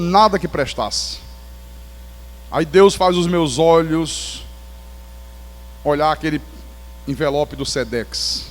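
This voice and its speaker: A Brazilian man preaching as a pastor, telling his testimony in an animated storytelling way with touches of humor. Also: high-pitched, in a large hall. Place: church sanctuary.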